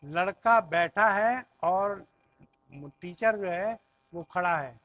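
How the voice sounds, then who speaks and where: High-voiced patient male Arabic teacher. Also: slow pace, no room sound. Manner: patient, repeats each phrase and explains word by word. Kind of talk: classroom language lesson. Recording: dull lo-fi recording.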